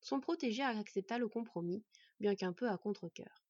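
A woman narrating a fantasy audiobook in an even, measured reading. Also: medium pitch, dry recording, highs cut off.

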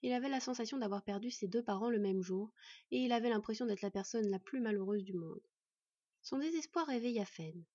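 A woman reading a fantasy storybook aloud in measured, gentle narration. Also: a little high, slightly rough, no echo, dull audio. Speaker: audiobook narrator.

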